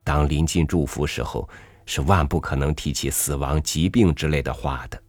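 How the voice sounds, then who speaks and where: A man narrating a literary story in a measured, reflective reading. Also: a bass voice, darkish tone, no echo, faint music behind.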